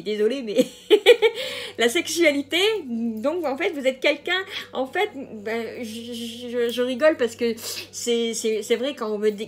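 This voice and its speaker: A woman giving a casual general tarot reading, hesitant, with many fillers and restarts and the odd laugh at her own jokes. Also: a little high. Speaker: tarot card reader.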